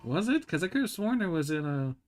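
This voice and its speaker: A man's voice: fairly high pitch, big pitch swings, a little fast, faint music behind. A man hosting an art stream, chatting casually while he draws, laid-back, laughing often and swearing freely.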